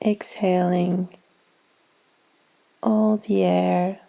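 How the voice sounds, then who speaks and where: A woman guides a yoga nidra meditation softly and gently, taking her time, leaving long pauses and letting phrases trail off into breathiness. Her voice is lowish, level in tone, and gravelly.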